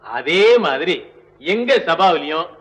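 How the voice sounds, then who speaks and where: An actor playing a kindly male patron who speaks in a warm, reassuring way. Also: a little high, animated, slow.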